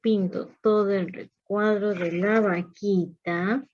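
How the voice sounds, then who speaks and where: A woman's voice: mid-range voice, steady tone, slow, a little mellow, dull audio, a little hiss or hum. A woman preschool teacher talking to small children as if to toddlers, in simple, repetitive, sing-song encouragement. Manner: repeats phrases and questions for young listeners.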